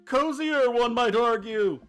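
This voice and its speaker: A man voicing a sarcastic teenage girl in her last year of high school, teasing her dad with deadpan quips in a game playthrough. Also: takes it slowly, clear, resonant tone, soft background music, full character voice. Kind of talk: playthrough voice acting.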